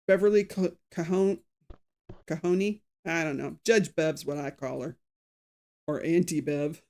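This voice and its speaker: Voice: mid-range voice, a little mellow. Chatty opinionated true crime host. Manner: chatty and opinionated, greets viewers by name; reads out quotes with acted emphasis. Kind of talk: casual live recap chat.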